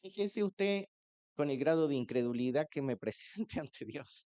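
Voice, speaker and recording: A man's voice: fairly high pitch, lively intonation, normal speed, dark tone, smooth, dull audio. A man, a pastor with a Rioplatense Spanish accent, sharing an earnest, emotional personal testimony in church.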